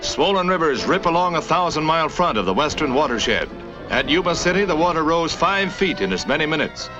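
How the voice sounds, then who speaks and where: A man's voice: a little high, sing-song, fairly quick. A man narrating an old newsreel in a dramatic, declamatory style. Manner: urgent, declamatory delivery. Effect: old newsreel soundtrack. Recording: dull lo-fi old newsreel sound with music under it.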